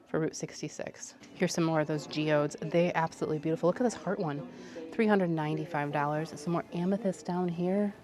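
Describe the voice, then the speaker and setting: A woman's voice: on the low side, warm tone. A woman travel vlogger giving casual running commentary to her viewers as she looks around.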